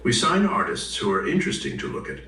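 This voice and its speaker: An actor playing a blunt, crass record label president in a parody corporate promo. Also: male voice, low-pitched, wildly swooping pitch, fast talker, vocal fry, sharp tone, full character voice. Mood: smug, blunt. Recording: roomy, distant, faint noise.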